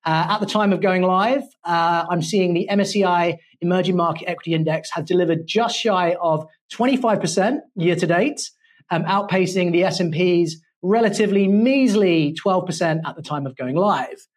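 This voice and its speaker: A man's voice: high-pitched, normal speed. A man with a London accent hosting a corporate finance podcast in a studio, polished and playful in his wording. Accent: London English. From England. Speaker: podcast host.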